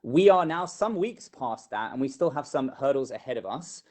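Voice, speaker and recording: A man's voice: mid-range voice, expressive, normal speed, a little mellow. A man co-hosting a live online show, joking about himself and hesitating with fillers. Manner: jokey, self-deprecating, hesitant fillers. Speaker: co-host.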